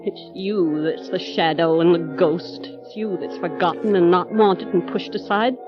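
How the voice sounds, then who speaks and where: A woman's voice: on the low side, fairly even intonation, music in the background, lightly acted. Mrs. Danvers, sinister housekeeper acted by a woman, muffled old radio. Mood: menacing, scornful. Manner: slow, insinuating, deliberate. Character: obsessive, menacing housekeeper devoted to her dead mistress. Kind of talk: 1930s radio drama acting.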